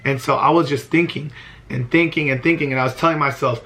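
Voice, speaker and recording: A man's voice: mid-range voice, fairly even intonation, fast talker, pushed and bright. A man in his early twenties talking earnestly to camera in a heartfelt vlog, often repeating himself for emphasis. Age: 20s. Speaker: vlogger.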